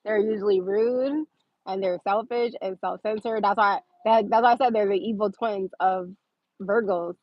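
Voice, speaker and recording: A woman's voice: mid-range voice, fairly even intonation, normal speed, highs cut off. A woman hosting a casual livestream, reading viewer comments aloud and answering them with sarcasm and laughter.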